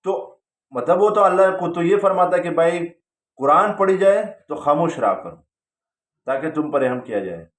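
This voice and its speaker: A man's voice: on the high side, expressive. A man casually telling a personal story, rambling, with frequent hesitations. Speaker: storyteller recounting his religious journey. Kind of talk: casual spoken testimony. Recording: roomy, distant from the mic.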